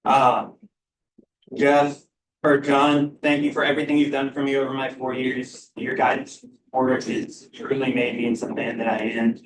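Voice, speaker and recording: A man in his twenties giving a grateful farewell speech to his team, halting with many uh's. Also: mid-range voice, monotone, noisy background. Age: 20s. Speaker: senior athlete giving a speech. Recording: roomy, from a distance.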